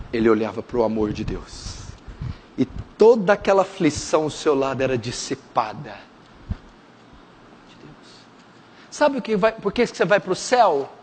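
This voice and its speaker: A man preaching a sermon as pastor, dropping to hushed tones and rising to shouted fervor. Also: sing-song, measured pace, long pauses, slight background noise. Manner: swings from hushed intimate lows to shouted fervent climaxes. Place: church sanctuary. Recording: long hall reverb.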